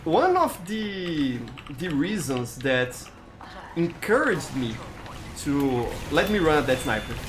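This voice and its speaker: Over background noise, a game streamer with a Brazilian accent talks slowly in a slightly high, sing-song voice. A native Portuguese speaker, he chats casually about his gameplay and replies to chat, frequently repeating words as he hunts for the right one.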